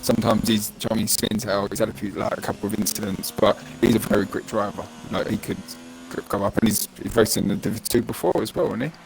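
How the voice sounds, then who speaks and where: A man's voice: on the low side, fast talker, creaky, hardly any pauses. A man with a London accent and glottal stops for his T's, co-commentating casually on a livestreamed race over a glitchy, noisy voice chat. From London, England. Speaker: co-commentator, league racer.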